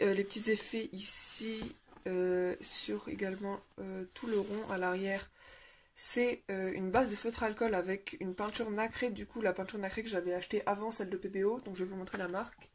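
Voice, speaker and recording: A woman's voice: mid-range voice, darkish tone. A young woman chatting casually about her coloring pages, with lots of fillers and restarts. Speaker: coloring vlogger. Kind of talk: casual show-and-tell chat. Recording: faint background noise and clicks.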